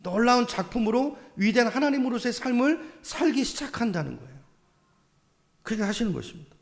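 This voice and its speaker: A man's voice: very high voice, very animated, fairly quick, vocal fry. A male pastor preaching a sermon, pressing the congregation with repeated questions and emphatic calls to faith. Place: church sanctuary. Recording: long church hall reverb.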